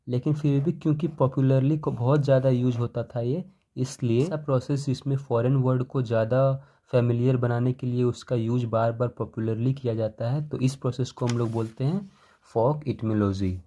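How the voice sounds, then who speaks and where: Young male teacher, mellow low timbre, slow dictated definitions between casual explanation. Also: fairly even intonation. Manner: dictates definitions slowly, explains in Hindi-English mix. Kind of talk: exam-focused lecture.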